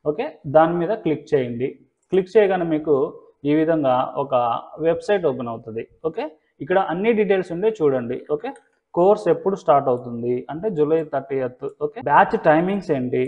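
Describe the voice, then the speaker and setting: A man teaching English phrases, with a Telugu accent, who explains patiently and slows right down to spell out each example sentence. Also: on the high side, a little mellow. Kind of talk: spoken English lesson. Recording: tinny phone-like sound.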